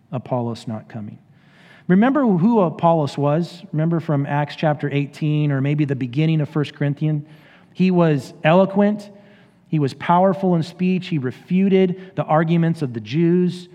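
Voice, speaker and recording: A man's voice: on the high side, long reverb tail. A male pastor preaching a sermon in a casual, conversational way, acting out scripture voices. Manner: conversational, animated paraphrasing of scripture.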